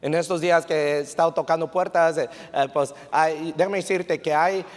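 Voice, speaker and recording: A man preaching a sermon as pastor, telling stories in an animated way and sprinkling English fillers into his talk. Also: fairly high pitch, normal speed. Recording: long reverb of a church hall.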